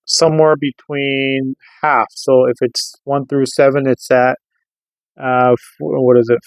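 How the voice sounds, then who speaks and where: In a flat, slightly slow delivery with vocal fry, a medium-pitched man reviews gear for his radio gear review channel. He keeps it casual and hands-on, explaining informally and tossing rhetorical check-ins to the listener. The recording has no echo.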